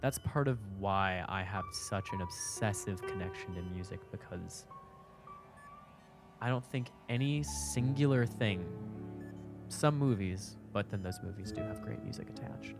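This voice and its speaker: A young man hosting a podcast, telling a personal story in a candid, reflective way, his voice jumping up for emphasis and dropping low for asides. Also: unhurried, creaky, music in the background. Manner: reflective, candid, swings between loud emphasis and soft asides. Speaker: podcast host.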